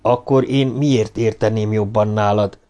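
A man's voice: lowish voice, fairly even intonation, dark tone, natural voice. A man voicing an aging male institute head who talks in dismissive, clipped questions, in a Hungarian audiobook reading. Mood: curt.

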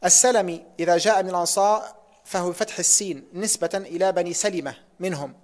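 A man's voice: high-pitched, quick pace. A man reading a hadith text aloud in a lesson, careful and precise, closing sections with pious formulas.

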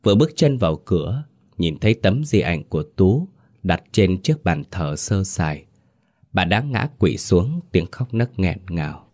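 A man narrating a scripted ghost story slowly and dramatically. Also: low voice, very animated. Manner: slow, dramatic. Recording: narration over soft music.

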